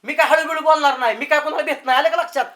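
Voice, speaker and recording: A man's voice: very high voice, fairly even intonation, rapid-fire, fairly bright tone. An actor playing a brash lovesick young village man, boastful and full of rustic banter. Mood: defiant. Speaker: lovesick suitor. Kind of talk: village comedy acting.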